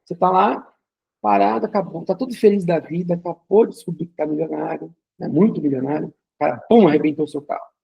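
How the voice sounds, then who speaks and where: Gravelly-voiced man teaching a class. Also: fairly high pitch, fast, dull audio. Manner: conversational, uses vivid hypothetical examples; frequent checking fillers. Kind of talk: recorded lecture.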